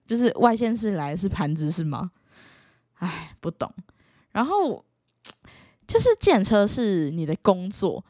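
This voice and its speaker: A young woman with a Taiwanese Mandarin accent talks straight to camera in a casual, exasperated vlog style. Her pitch jumps around a lot as she acts out the back-and-forth of her stories. The recording is dry and close, with no room sound. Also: no echo. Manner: exasperated, animated, acts out quoted dialogue. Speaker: vlogger.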